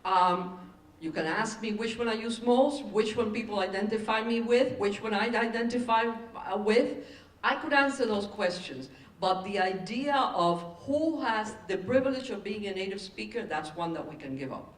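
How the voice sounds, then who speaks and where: A woman's voice: mid-range voice, moderate pace, distant mic. A woman from a Spanish-speaking country speaking on a panel discussion, reflective and posing questions. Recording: echoey hall, voice from afar.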